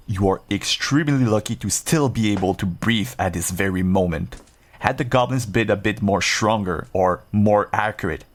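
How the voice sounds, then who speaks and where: In a fantasy roleplay audio drama, a man voices a calm, protective werewolf rogue. His lowish voice is earnest, measured and sober in mood.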